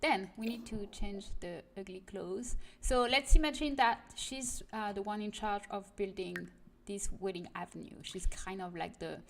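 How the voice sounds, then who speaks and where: A woman who is not a native English speaker, giving casual game-stream commentary and pausing to translate in her head as she searches for words. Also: mid-range voice, vocal fry, fairly bright tone, slight background noise. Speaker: host of a game building stream.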